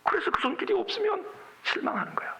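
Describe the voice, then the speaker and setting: A man's voice: extremely high pitch, very animated, quick pace, gravelly, pushed and bright, low-quality recording. A middle-aged male pastor giving a sermon in a colloquial storytelling way, acting out the voices of the people he quotes.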